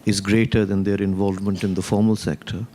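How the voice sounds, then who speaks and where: A man in the audience asking a formal, deliberate question. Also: lowish voice, little pitch movement, warm tone.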